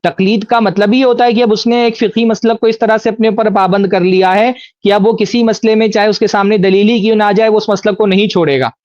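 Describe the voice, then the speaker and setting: A man's voice: high voice, fairly even intonation, few pauses, darkish tone, no echo, muffled recording. A man co-hosting a live debate, arguing his case through repeated rhetorical questions. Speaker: co-host debater.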